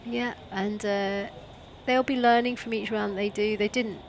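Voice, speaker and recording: A woman's voice: medium pitch, steady tone, a little slow, slight background noise. A woman commentating live on a sport event in a chatty, joking way, often thinking aloud.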